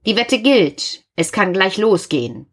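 A woman's voice: medium pitch, very animated, a little slow, husky. A woman voicing a smug, show-off male hare in a children's storybook reading, with a cocky, mocking manner.

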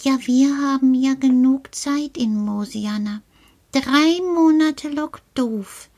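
A woman voicing a cheerful little male creature living in an earth cave, speaking slowly and patiently and often dropping to a whisper. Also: high-pitched, a little mellow. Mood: patient coaching.

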